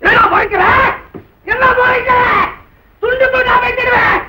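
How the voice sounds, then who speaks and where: An actor playing a jealous, bullying husband who talks loudly and mockingly in a classic film comedy. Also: male voice, very high-pitched, very animated, normal speed. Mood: ranting. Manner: loud, mocking, quarrelsome. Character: bullying, jealous husband, sarcastic and hot-tempered. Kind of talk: 1960s Tamil film acting. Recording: hissy old film soundtrack.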